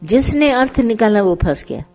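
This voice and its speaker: Mellow-voiced woman giving a satsang talk. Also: fairly high pitch, lively intonation, moderate pace, faint music behind, poor audio. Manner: conversational, tells parables with acted quotes, mixes English words. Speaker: spiritual teacher leading satsang. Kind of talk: devotional satsang discourse.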